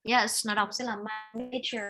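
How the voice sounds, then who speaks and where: A woman with a Vietnamese accent teaching an online English speaking lesson, correcting pronunciation in a brisk, corrective manner. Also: fairly high pitch, level tone, rough recording.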